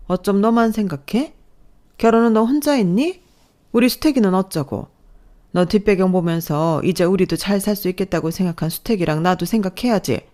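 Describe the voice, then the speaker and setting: Snobbish older mother-in-law, contemptuous and scolding, low mellow tone, read by a woman. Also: close to an everyday voice.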